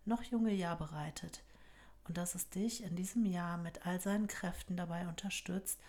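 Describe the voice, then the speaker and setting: A woman leads a guided relaxation hypnosis with a slightly low voice. She speaks slowly and softly and often drops into a breathy whisper. Her tone stays calm and even. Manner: slow, soft and soothing, often whispered.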